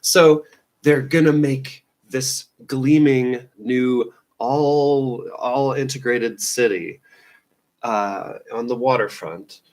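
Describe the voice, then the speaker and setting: A man's voice: mid-range voice, takes it slowly, darkish tone. A man hosting a casual news roundup, rambling and offhand, with lots of fillers and restarts. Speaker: news show host.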